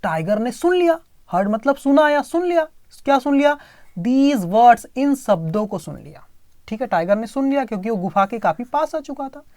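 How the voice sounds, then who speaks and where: A woman with an Indian accent teaches English, reading each line of a story slowly and explaining it in Hindi. She keeps asking herself questions and answering them. Her voice sits a little high, and the recording is close and dry. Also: darkish tone, dry recording. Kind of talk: line-by-line story translation lesson.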